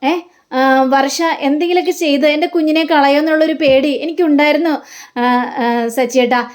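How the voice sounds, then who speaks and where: A woman's voice: high voice, fairly even intonation, fairly quick, close to an everyday voice. Woman doing an earnest, emotional young man. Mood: moved.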